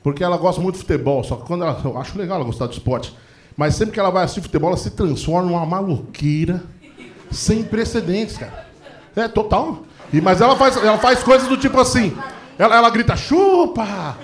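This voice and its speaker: Fast-talking stand-up comedian, high voice. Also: male voice. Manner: fast, animated storytelling with acted-out quotes. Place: comedy stage before a live audience. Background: audience laughter.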